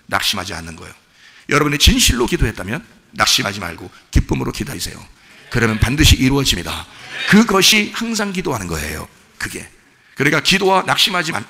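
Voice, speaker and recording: A man preaching a fervent sermon as a pastor, swinging from shouted declarations to hushed asides in a church sanctuary. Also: medium pitch, vocal fry, in a large hall.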